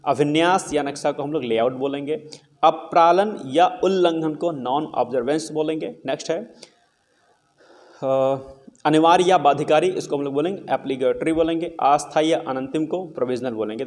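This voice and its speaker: Brief: young male exam coach, slightly higher voice, casual and encouraging, keeps asking and answering his own questions. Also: brisk, darkish tone. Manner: repeats questions and answers them himself. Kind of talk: explaining vocabulary to students.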